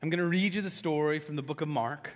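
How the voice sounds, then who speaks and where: A male pastor preaching in a church, his voice sitting high for a man. He retells scripture in casual, everyday phrasing, rising to intense pleading and dropping to a hushed near-whisper. The sound carries a long reverb from the church hall. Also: fast talker. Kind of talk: sermon. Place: church sanctuary.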